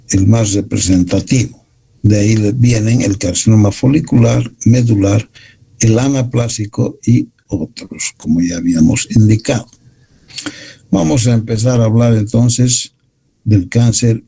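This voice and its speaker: A man giving a university medical lecture, explaining slides in a measured way. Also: medium pitch, creaky, warm tone, breathy edge, low-quality recording.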